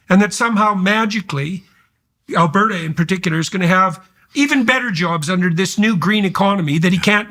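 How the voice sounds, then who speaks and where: A man's voice: on the high side, pushed and bright. A middle-aged man hosting a podcast, talking in emphatic, sweeping, sardonic commentary. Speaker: host. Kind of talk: podcast conversation.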